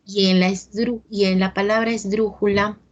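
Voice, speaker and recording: A woman's voice: mid-range voice, little pitch movement, normal speed, lo-fi sound. A woman teacher leading an online class, patiently asking her students questions over a video call.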